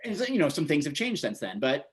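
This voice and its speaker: A vegan bodybuilder and author in his forties, an American, talks fast in a voice on the high side with wildly swooping pitch. As an interview guest he tells stories casually, rambling and repeating himself.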